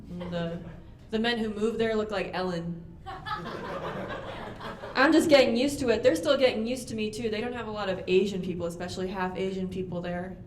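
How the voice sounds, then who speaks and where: Young woman doing stand-up into a handheld mic, highish voice, deadpan punchlines, roomy club sound w faint crowd hum. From United States. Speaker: stand-up comedian. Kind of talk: stand-up set. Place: comedy club stage. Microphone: handheld stage mic. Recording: roomy club with audience ambience.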